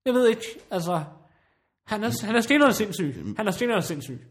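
In a comic role-play drama, a man plays a flustered, exasperated bar worker who rambles, stammers, and repeats himself. His voice is high, sing-song, and a bit bright.

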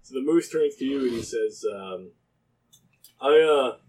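A man's voice: medium pitch, animated, normal speed, a loud crowd, poor audio. A man narrating as game master of a tabletop game, loose and amused, with many fillers.

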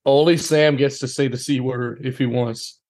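A man's voice: mid-range voice, steady tone, normal speed, a little mellow. A man with a Cajun Louisiana accent, cracking teasing jokes in a casual podcast chat. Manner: joking, teasing banter.

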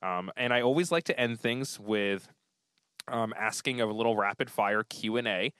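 A man's voice: fairly low pitch, normal speed, fairly bright tone, clean tone, no room sound. A man in his thirties hosting a casual interview, effusive and chatty, full of fillers and restarts. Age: 30s. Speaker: podcast host.

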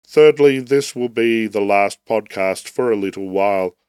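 The man's fairly low, darkish voice sounds raspy and nasal as he gets over a head cold. Hosting his podcast, he reads a prepared theology essay in a slow, measured, formal, deliberate manner, recorded close and dry without any room sound.

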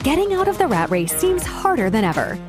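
A woman's voice: high voice, big pitch swings, brisk. A woman announcer reading a scripted show intro with punchy promotional delivery. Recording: voice over music. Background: music.

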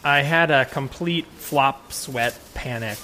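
A man's voice: mid-range voice, slow, bright, forceful tone, a little hiss or hum. A man playing an awkward, defensive would-be children's actor who rambles and over-explains in an improvised comedy scene. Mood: flustered.

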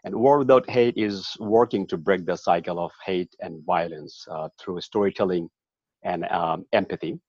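A man from Bangladesh introducing himself on a panel in a measured, deliberate way. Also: deep voice, darkish tone, husky, dry recording. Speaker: panelist, activist. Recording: dull lo-fi sound.

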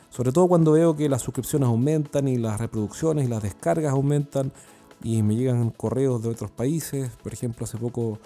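A man's voice: medium pitch, dark tone. A man with a Chilean accent hosting a solo podcast, talking in a chatty, earnest way with many fillers and restarts. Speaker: podcast host and sales consultant.

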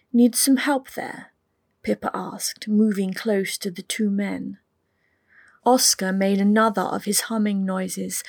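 A woman narrates an audiobook at an unhurried pace, her voice carrying a gravelly, creaky edge. Her delivery is soft and slips into whispers at times. The recording is close and dry, with no room sound. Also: medium pitch, no room sound.

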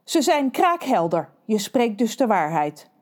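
Strict no-nonsense mom, bossy, a bit higher, as a woman voices her. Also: big pitch swings, measured pace. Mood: approving. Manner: stern, commanding. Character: stern mother, factory director, strict and sharp-eyed.

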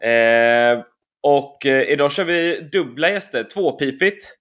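A man's voice: mid-range voice, lively intonation, fairly bright tone. A man hosting a podcast in casual chat, informal and hesitant with many fillers. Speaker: podcast host.

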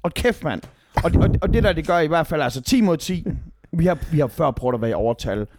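Heated, swearing Danish football fan. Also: male voice, on the high side, background noise. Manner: animated, swears a lot, heated. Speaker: podcast co-host, football fan. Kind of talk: casual football chat.

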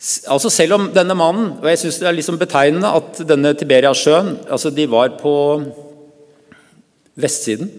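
A man preaching a sermon, retelling a Bible story in a calm, measured way with pauses. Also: on the high side. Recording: church with long reverb.

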